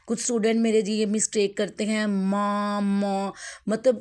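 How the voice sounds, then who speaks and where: A young adult woman teaching Quran recitation rules, explaining patiently and then reciting each word slowly and drawn out. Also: medium pitch, level tone, mellow. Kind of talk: tajweed lesson with slow recitation.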